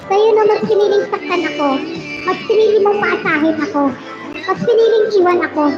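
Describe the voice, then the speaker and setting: A woman's voice: very high-pitched, fairly quick. A woman livestream host dramatically reading heartbreak letters aloud, teasing her partner between them. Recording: roomy, dull, with music behind.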